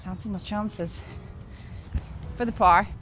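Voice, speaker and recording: Gentle East Coast Scottish woman. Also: mid-range voice, fairly even intonation, slow, a little hiss or hum. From east coast of Scotland. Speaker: host and golfer. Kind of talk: casual on-course chat.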